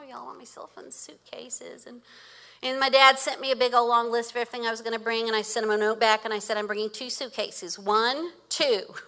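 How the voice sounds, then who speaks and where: Bright-voiced woman in her fifties. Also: a little high. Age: 50s. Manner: animated storytelling with laughter. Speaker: guest speaker. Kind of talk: sermon.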